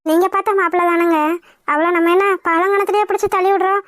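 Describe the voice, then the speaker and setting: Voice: very high voice, little pitch movement, fairly bright tone, no room sound, studio quality. A performer voicing a practical mother in a cartoon who lectures her family firmly. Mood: lecturing. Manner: lecturing, brisk and firm. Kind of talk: cartoon voice acting.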